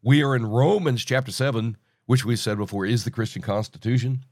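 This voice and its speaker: A man in his sixties hosting an informal Bible teaching podcast, talking in a halting, rambling way, sounding hollow as if through a tunnel. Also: medium pitch, darkish tone, no room sound, studio quality. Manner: halting, rambling, self-interrupting. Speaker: podcast host.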